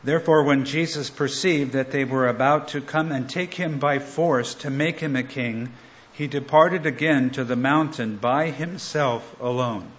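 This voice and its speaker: A man preaching a sermon in short measured phrases, pausing for his interpreter. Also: medium pitch, fairly bright tone, highs cut off.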